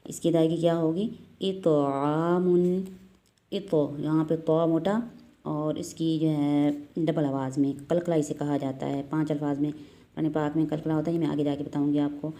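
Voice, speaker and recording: A woman with a Pakistani Urdu accent, teaching Quran reading step by step, patiently repeating letter sounds slowly. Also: low voice, little pitch movement, mellow. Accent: Urdu-speaking, Pakistani. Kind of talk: step-by-step recitation lesson.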